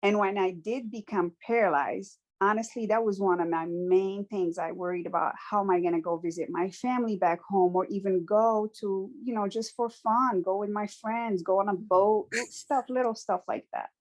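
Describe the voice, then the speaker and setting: A Moroccan woman, a guest in a conversational interview, gives personal testimony in a medium-pitched, steady voice. She speaks earnestly and reflectively, often pausing and restarting sentences, and the recording is rough.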